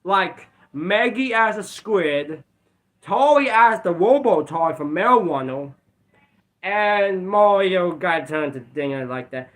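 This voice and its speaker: A man with a high, bright voice chats through a casual episode review vlog. His pitch swings widely as he rambles and repeats himself, stopping now and then to cough. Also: animated, slow pace. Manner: rambling, repeats "let's be honest". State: bouts of coughing. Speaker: video reviewer.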